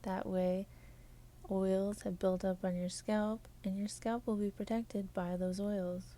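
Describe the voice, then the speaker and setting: A woman narrating a home hair-bleaching tutorial as a voice-over, speaking softly and often dropping to a half whisper, at times flat and measured and at times quick and chatty. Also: medium pitch. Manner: soft, half-whispered instructional delivery. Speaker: beauty vlogger.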